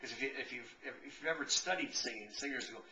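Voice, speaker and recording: A man's voice: medium pitch, quick pace, pushed and bright, a little hiss or hum. Rambling man on a distant camcorder. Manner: rambling, self-correcting. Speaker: piano technician. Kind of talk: casual explanation. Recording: echoey room, camcorder from a distance.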